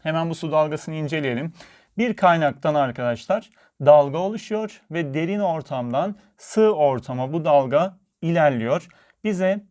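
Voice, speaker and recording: A man's voice: a little high, darkish tone. A man teaching a physics video lesson, friendly and talking straight to his viewers as friends.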